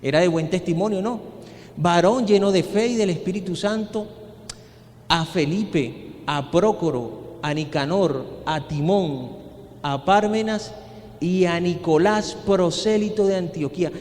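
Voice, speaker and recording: High-voiced man preaching in a reverberant hall. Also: unhurried, a little mellow. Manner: earnest preaching with rhetorical questions. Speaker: pastor. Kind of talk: sermon. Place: church hall.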